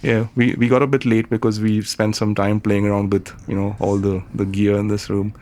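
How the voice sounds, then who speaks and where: A man's voice: on the low side, flat delivery, a little fast, darkish tone. A man hosting a casual chat, introducing his guest in a friendly, slightly hesitant way. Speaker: host.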